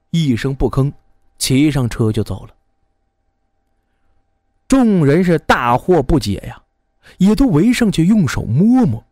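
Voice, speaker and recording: A man telling a folk tale in a lively, expressive way, acting out many characters. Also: fairly high pitch, no room sound, studio quality. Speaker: storyteller. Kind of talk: animated folk storytelling.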